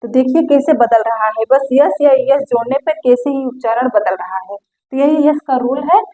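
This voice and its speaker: A woman teacher explaining a lesson patiently, repeating each example slowly and going step by step. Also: high-pitched, warm tone, low-quality recording.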